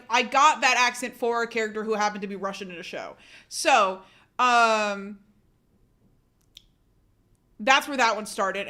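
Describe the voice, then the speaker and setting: A woman with a slightly high, sharp-toned voice chats casually with her livestream audience. She's talkative and self-deprecating, laughing often and reading the chat out loud.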